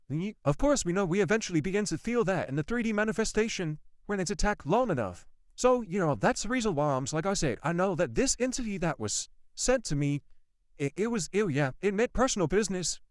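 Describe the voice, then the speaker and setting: Animated man telling a spooky story. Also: high-pitched, dry recording, clean studio sound. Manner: animated, repeats himself, swears, addresses viewers directly. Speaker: vlogger. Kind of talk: casual storytelling to camera.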